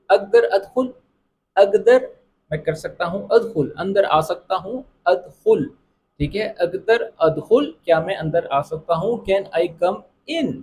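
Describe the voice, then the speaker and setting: A man with a slightly higher voice is teaching phrases, saying each one slowly several times before he explains it. He speaks in a patient lesson style. Faint background noise sits under his voice. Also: a little mellow. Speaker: Arabic teacher. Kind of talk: language lesson.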